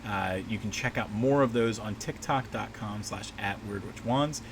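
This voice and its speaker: Speaking at a moderate pace, a livestream host and map maker rambles casually as he works, his low, slightly scratchy voice trailing off and restarting sentences with many fillers, relaxed throughout. He seems to be at a small desk at home, with a steady air-conditioner hum clearly beneath him.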